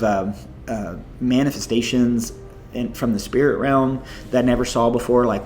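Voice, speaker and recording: A man, a missionary guest, telling stories in an interview in an animated, chatty way full of "like" and "you know". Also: mid-range voice, a little hiss or hum. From United States. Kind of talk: storytelling interview.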